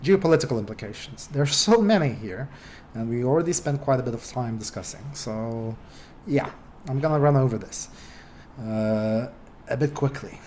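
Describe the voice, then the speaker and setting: A man's voice: medium pitch, normal speed, mellow, slight background noise. A young man giving an informal lecture in a debate workshop, talking casually with many fillers and dry sarcastic asides.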